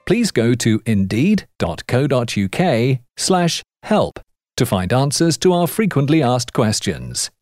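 Man for automated phone lines: polite, measured, animated intonation, very dry. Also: mid-range voice, no room sound, soft background music. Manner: measured, polite, evenly enunciated. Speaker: voice-over artist. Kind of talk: scripted phone-system prompts.

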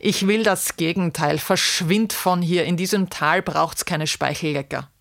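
A woman's voice: lowish voice, unhurried, vocal fry, dry recording, studio quality. A woman doing a snarling frozen sinner. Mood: defiant anger. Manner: defiant, snarling retorts. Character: furious male sinner frozen in ice.

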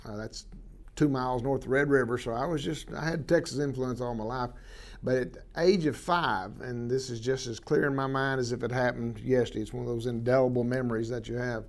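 A man in his sixties from southwestern Oklahoma, a wildlife biologist, tells life stories as a guest in a relaxed interview, rambling with many fillers. He speaks fairly quickly at medium pitch with fairly even intonation.

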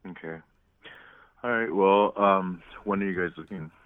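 Male, from Miami, rumbling low magnetic voice, relaxed conversational phone delivery over a thin telephone connection. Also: measured pace, smooth, no room sound. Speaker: male escort taking a phone call. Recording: tinny narrow phone line.

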